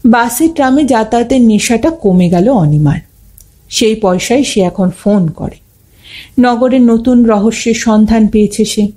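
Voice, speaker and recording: Woman, classic story narration, mellow dark tone, gentle shifts for dialogue. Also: expressive, a little slow. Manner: gives the characters' dialogue small shifts of pitch and pace.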